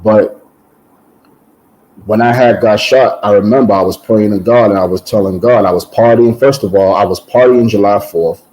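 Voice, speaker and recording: Man, low mellow voice, loose conversational testimony, lots of restarts and fillers. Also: normal speed, rough recording. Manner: animated, repeats words and restarts with many "um"s. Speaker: guest giving a testimony. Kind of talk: casual personal storytelling.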